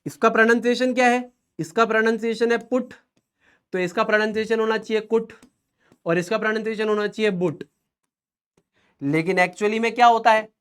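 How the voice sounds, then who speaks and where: Young male online tutor, high voice, chatty and joking with his class. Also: fairly even intonation, a little fast, long pauses, a bit bright, smooth. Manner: playful, chatty, jokes with students between quiz polls. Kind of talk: live online chemistry class.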